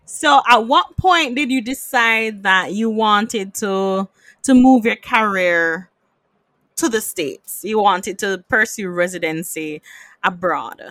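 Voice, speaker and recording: A woman's voice: mid-range voice, slow, fairly bright tone, no room sound. A woman hosting an interview, asking curious questions and laughing along with her guest. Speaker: host.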